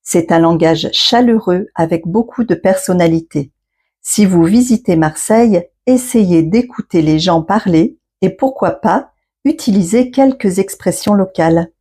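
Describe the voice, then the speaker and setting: Woman, podcast host, French teacher, scripted lesson, dark mellow tone, husky edge. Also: lowish voice, unhurried. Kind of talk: scripted educational narration.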